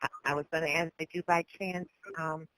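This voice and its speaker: A man from New York speaks on a call-in discussion, earnestly and at length. He piles detail on detail and trails off now and then. His voice sits a little above average pitch. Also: level tone, fairly quick, pushed and bright, no room sound, poor audio. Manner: earnest, rambling recounting.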